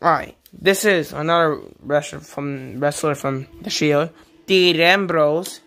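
A woman casually showing off her collection on camera, excitable and gasping often. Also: low voice, slow pace, faint music behind. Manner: excitable, with frequent gasps and laughs. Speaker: vlogger showing a toy wrestling figure collection. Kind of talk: casual unscripted show-and-tell.

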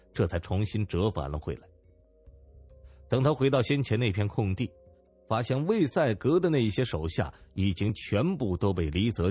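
A man reading a novel aloud as audiobook narrator, in expressive storytelling style. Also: on the low side, husky. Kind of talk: scripted narration.

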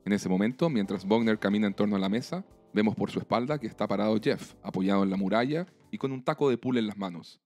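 A man's voice: on the low side, quick pace, hardly any pauses, a little mellow, soft background music. A man co-hosting a podcast, retelling an episode casually and laughing often. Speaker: podcast co-host.

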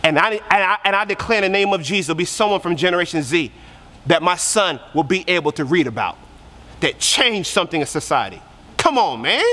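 A man's voice: sits high, lively intonation, fast, bright, forceful tone. A man preaching a passionate youth sermon, repeating phrases for emphasis. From Korea. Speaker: youth pastor. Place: church hall. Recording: long reverb of a church hall.

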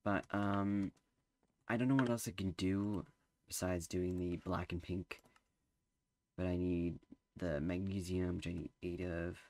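A man's voice: low voice, flat delivery, measured pace, long pauses, a little mellow. A teenage boy giving casual gameplay commentary, rambling and hesitant with lots of fillers. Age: teens. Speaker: gameplay streamer.

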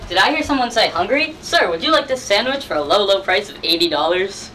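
A woman's voice: mid-range voice, lively intonation, a little fast, pushed and bright, slight background noise. A woman playing a pushy salesperson in a homemade comedy skit, with over-the-top salesy delivery. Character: pushy sandwich seller and anxious caller.

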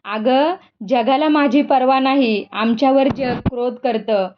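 A woman voicing a hurt, withdrawn young male saint speaking in measured, aggrieved tones, in a dull lo-fi recording. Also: high-pitched, a little hiss or hum.

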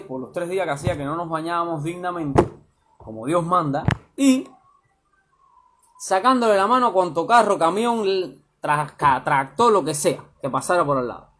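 A man reading his own first-person story aloud, lively and colloquial. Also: high voice, slight background noise.

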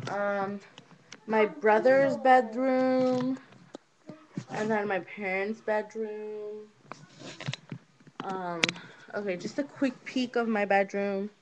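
Carrying a handheld webcam from room to room of a small house, a teen-to-young-adult woman vlogs a loose, meandering home tour. Her manner is informal and slightly hesitant. The audio is noisy and low-grade, typical of a webcam.

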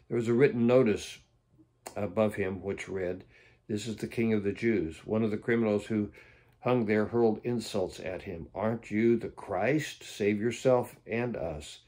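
Guy reading bible verses for a daily devotional, lowish voice, tosses in quick casual asides. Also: darkish tone. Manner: plain reading voice that drops into offhand comments.

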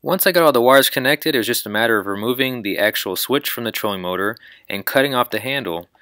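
A man's voice: mid-range voice, animated, quick pace, bright, forceful tone, no echo, clean studio sound. A man hosting his own channel, walking step by step through a do-it-yourself build in an upbeat, explaining voice. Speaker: channel host. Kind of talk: DIY how-to walkthrough.

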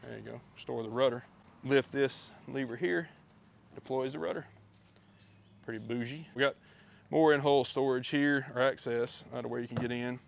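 A man giving a relaxed, chatty walkthrough of his gear outdoors, filmed on a head-mounted camera. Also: medium pitch, moderate pace, creaky, slight background noise. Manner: relaxed, chatty, with many fillers. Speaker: fishing video host. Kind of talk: casual product walkthrough. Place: backyard outdoors. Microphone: head-mounted action camera.

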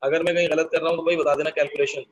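A man teaching an online accounting lesson. He explains each step slowly and keeps asking his students for the answers. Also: fairly high pitch, little pitch movement, poor audio.

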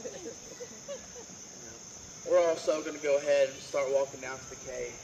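A man's voice: fairly high pitch, normal speed, crowd noise, rough recording. A man guiding a tour group outdoors and into a cave, telling playful stories, heard from a visitor's camera a few meters away. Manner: upbeat, playful storyteller addressing a group. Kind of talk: joking guided tour talk. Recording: background music under the voice.

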